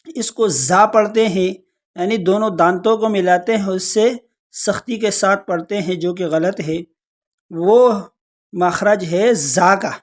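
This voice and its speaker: Recitation teacher, mid-pitched, measured explanations with slow drawn-out examples. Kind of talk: step-by-step recitation lesson.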